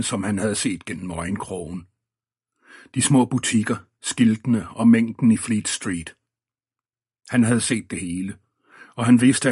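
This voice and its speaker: A man with a husky voice reading an audiobook in measured, scripted narration. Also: fairly low pitch, a little mellow, no room sound, clean studio sound. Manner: measured storytelling.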